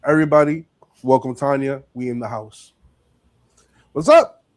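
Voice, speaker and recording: A man's voice: medium pitch, moderate pace. A man hosting a podcast, upbeat and encouraging, opening with a short introduction and giving brief affirmations. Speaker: podcast host. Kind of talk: podcast interview.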